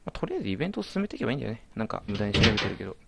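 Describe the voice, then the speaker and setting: Lively low-voiced man reacting to a game. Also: rapid-fire, vocal fry, very noisy. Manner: jumpy, exclaims and mutters to himself. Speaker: let's play commentator. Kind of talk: game commentary.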